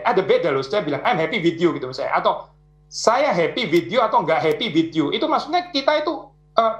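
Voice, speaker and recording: A man, a pastor, answering audience questions in a conversational way, with many small fillers and worked examples. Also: a little high. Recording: roomy echo.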